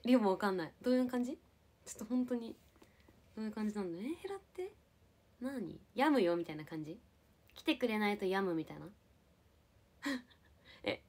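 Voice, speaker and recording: A woman's voice: mid-range voice, a little mellow. A young woman from Japan casually chatting with viewers on a livestream, playful and giggly as she answers comments. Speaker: live streamer.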